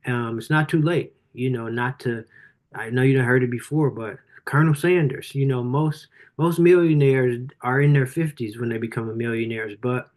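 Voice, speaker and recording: A man's voice: medium pitch, normal speed, a little mellow. A man in his forties hosting a live book review, speaking casually and earnestly with a motivational tone and plenty of "you know" and "um". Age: 40s. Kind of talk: motivational talk on a livestream.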